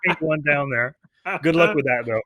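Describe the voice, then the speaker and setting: A man's voice: on the high side, moderate pace, sharp tone. A man co-hosting a podcast, chatting easily about a movie with joking asides. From California, United States. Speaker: podcast co-host. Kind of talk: casual film review chat.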